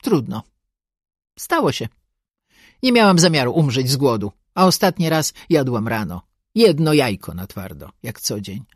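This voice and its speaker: A woman's voice: very deep voice, big pitch swings, moderate pace, husky, no room sound. A woman narrating a first-person audiobook with a sardonic, bossy and dryly comic manner, close to the mic.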